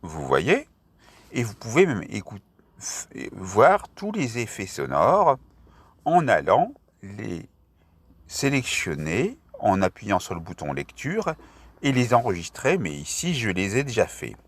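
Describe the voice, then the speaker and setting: A man's voice: fairly low pitch, wildly swooping pitch, takes it slowly, breathy edge, dry recording. A man presenting an app, narrating a step-by-step screen tutorial.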